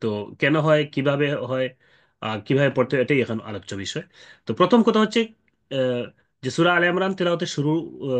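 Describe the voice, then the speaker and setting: A man teaching Quran recitation rules, explaining step by step with many fillers and repeated points. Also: on the high side.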